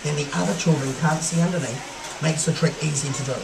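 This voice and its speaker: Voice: medium pitch, fast, gravelly. A children's party magician performing for kids, calling out in an exaggerated, sing-song way. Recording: noisy, echoey space, far from mic.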